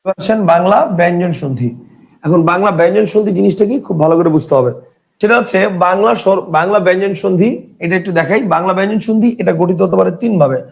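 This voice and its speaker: A man gives an exam-prep grammar lesson in a high voice with a gravelly edge. He repeats each rule several times, slipping English words in among his own. He checks in with the class often. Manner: repetitive, drills each point several times; asks the class quick check questions. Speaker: teacher.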